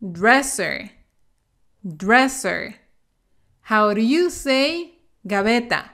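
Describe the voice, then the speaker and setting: A woman leads a bilingual vocabulary lesson at a very slow, deliberate pace. Her voice sits a little high, and she pronounces each word carefully before she repeats it. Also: sing-song, fairly bright tone. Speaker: English teacher.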